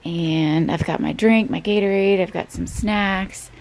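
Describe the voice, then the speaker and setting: A woman's voice: mid-range voice, fairly even intonation, unhurried, gravelly, a little mellow, rough recording. A woman talking casually to the camera in a vlog about her training, chatty and full of filler words. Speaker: vlogger training for a triathlon.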